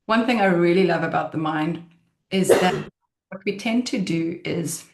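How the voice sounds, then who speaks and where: A woman talks through how the mind works in a relaxed, conversational way. Her voice sits low, and she slips into lively quoted voices for people's inner thoughts. She is heard on a computer mic in an echoey room. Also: a little slow. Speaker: mindset speaker. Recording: roomy echo.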